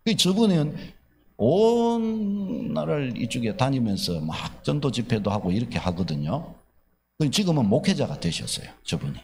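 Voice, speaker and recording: A man's voice: mid-range voice, normal speed. A male pastor preaching a sermon, telling a story and acting out its characters with animation. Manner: animated, acts out dialogue.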